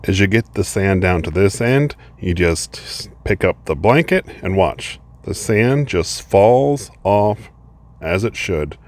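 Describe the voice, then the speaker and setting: Male product reviewer, low voice, chatty and upbeat, casual beach review. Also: animated, slow, darkish tone. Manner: chatty, upbeat, thinking aloud. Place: beach, outdoors.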